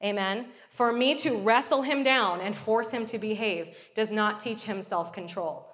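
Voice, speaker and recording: A woman's voice: mid-range voice, measured pace, fairly bright tone. A middle-aged woman giving a conversational sermon, often checking in with the congregation. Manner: conversational, frequent call-and-response "Amen?" and "okay?". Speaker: preacher.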